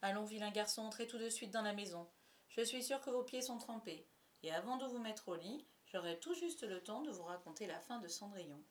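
A woman voicing a gentle, motherly little girl in a storybook reading, speaking softly and tenderly. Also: mid-range voice, expressive, fairly quick, natural voice. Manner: soft, tender, caring.

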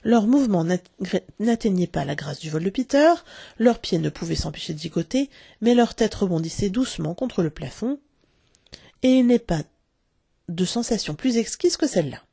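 A woman's voice: mid-range voice, expressive, normal speed, vocal fry, dark tone, breathy edge, no room sound, studio quality. A woman reading a children's story aloud, telling it expressively and acting out the characters. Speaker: narrator.

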